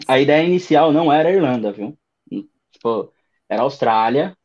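A man in his thirties with a São Paulo accent, telling his story as an interview guest in a relaxed, rambling way. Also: medium pitch, normal speed, dull audio. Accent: São Paulo Brazilian Portuguese. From Brazil. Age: 30s. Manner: relaxed storytelling with many fillers. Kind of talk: casual interview chat.

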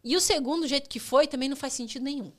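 A woman in her thirties with a Brazilian Portuguese accent, a former tennis player telling stories as a podcast guest, animated and acting out dialogue. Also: high voice, very fast. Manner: animated, laughs often, acts out dialogue. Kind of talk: casual storytelling chat.

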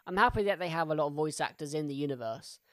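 A man co-hosting a casual podcast, swearing freely and ranting with quick banter. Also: a little high, animated, fairly bright tone, no echo, clean studio sound. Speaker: podcast co-host.

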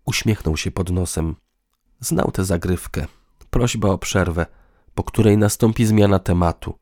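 Male audiobook narrator, low, lively intonation, dry close recording. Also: vocal fry, no room sound.

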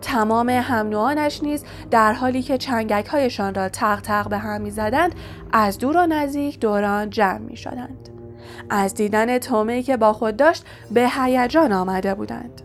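A woman narrating an audiobook in a steady storytelling manner. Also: a little high, faint music behind. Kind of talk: scripted narration.

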